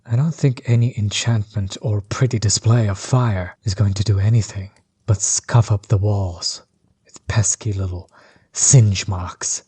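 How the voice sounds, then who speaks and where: A man voices a menacing sorcerer overlord in an audio roleplay, using a low, dark, very husky voice with fairly even intonation. The bitter villain is measured and coldly taunting, sounding amused. His words often sink toward a breathy whisper.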